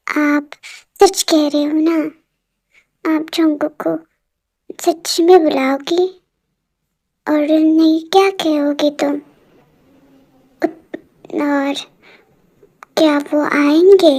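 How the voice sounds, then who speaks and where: A sobbing, lovesick young woman in a homemade audio story pleads in a very high, soft voice, as a woman puts her on. The delivery is slow and drawn out, with a warm, mellow tone. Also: steady tone, full character voice. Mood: tearful pleading.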